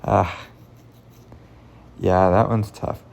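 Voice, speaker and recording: Puzzle host, male, unhurried casual commentary, deep gravel in the voice, mutters asides while he works. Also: level tone, a little mellow. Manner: thinks aloud, mutters and half-whispers while working things out.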